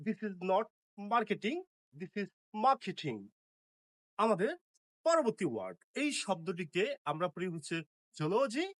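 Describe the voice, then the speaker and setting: A man with a Bengali accent teaching English pronunciation, slowly repeating each word with care. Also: high voice, fairly bright tone, dry recording.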